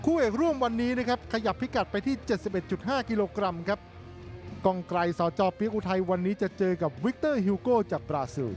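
A man's voice: sits high, expressive, fast, darkish tone. A man co-commentating live on a combat sports bout. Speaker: fight co-commentator. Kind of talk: live Muay Thai commentary. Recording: music playing behind commentary. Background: clear music.

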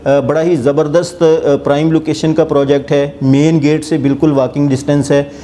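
A man in his forties with a Pakistani Urdu accent hosts a property channel from an office, explaining a project's rates to camera with frequent pauses. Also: a little high, slight background noise. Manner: hesitant, many filler sounds, steady explanatory tone; seated, gesturing with hands while reading notes. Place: indoor office with armchair. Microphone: lapel mic.

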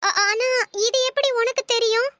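Cartoon young wife: anxious, defensive, very high and bright. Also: female voice, steady tone, moderate pace, no room sound, studio quality. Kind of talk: cartoon voice acting.

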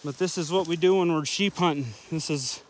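A man's voice: on the high side, brisk, a little hiss or hum. A man, live-streaming a hike in an upbeat, chatty way, filmed on a phone held out at arm's length on an open mountain slope. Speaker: vlogger and hiking dad. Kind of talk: live-stream hiking vlog.

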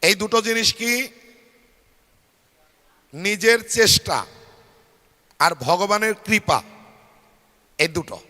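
Slow and pausing often, this male preacher speaks high-pitched, pushed, and bright with a Bengali accent. His devotional sermon fills a large fair hall with long reverb as he asks the crowd rhetorical questions and gets them to echo phrases.

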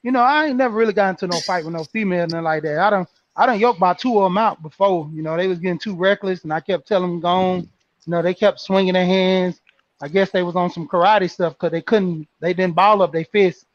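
A man's voice: high voice, fast talker, no room sound. A man telling a story in loose, slangy casual talk, quoting his relatives. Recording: dull lo-fi audio.

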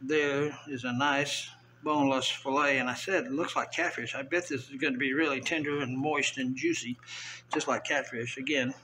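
An older Southern man vlogs as he fillets fish at a tiled kitchen counter, giving relaxed, chatty how-to narration and thinking aloud. His medium-pitched voice moves at a moderate pace, and the camera-mic audio is poor with slight background noise.

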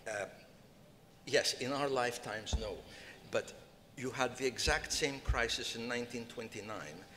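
A man's voice: medium pitch, a little slow, bright, forceful tone. An older man speaking as a conference panelist, rambling with many fillers and restarts, into a table mic in a large hall. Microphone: table microphone. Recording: reverberant hall, faint noise.

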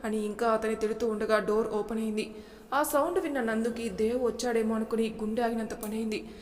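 A woman storyteller reading a serial story aloud in a steady, expressive way. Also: a little high, brisk, long reverb tail.

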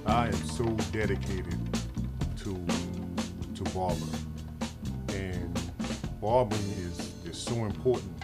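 Man, forties, from New Orleans, deep voice, casual slangy storytelling, interview, loud music under. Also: slow pace, long pauses. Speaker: barber and shop owner. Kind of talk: documentary interview. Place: barbershop, indoors.

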